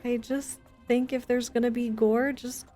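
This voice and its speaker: A woman streams a video game and chats casually with her viewers while she plays, video game music sounding behind her. Her voice is fairly high yet dark in tone, level and unhurried.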